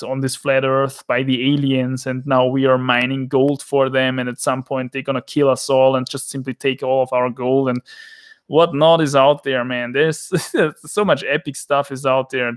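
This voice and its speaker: A man's voice: mid-range voice, smooth. A man with an Austrian accent chatting casually on a livestream, rambling and joking as he answers viewers' chat. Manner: rambling, joking, reads chat comments aloud.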